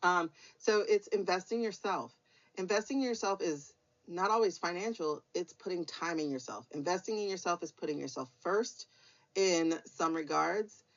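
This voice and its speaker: This is a tarot reader from the United States, speaking at a normal pace in a voice on the low side. Her weekly reading feels like a relaxed spiritual chat: frank, supportive, with a bit of mild cursing. Audio quality is dull and lo-fi.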